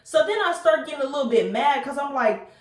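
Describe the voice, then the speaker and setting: A woman telling a storytime to her viewers while doing her hair, chatty and animated, laughing at herself and using casual slang. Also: sits high, a little fast. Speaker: beauty vlogger. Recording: roomy, slightly distant mic.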